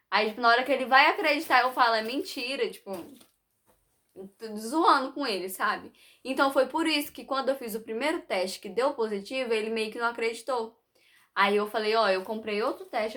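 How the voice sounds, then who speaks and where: A woman's voice: fairly high pitch, a bit bright. A young woman from Brazil telling a personal story to her viewers in a casual, rambling way, full of fillers and asides. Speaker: vlogger.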